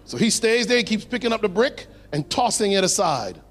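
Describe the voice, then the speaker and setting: A male preacher delivering a sermon, pausing dramatically and dropping his voice low on key words. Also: big pitch swings, a bit bright. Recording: long hall reverb.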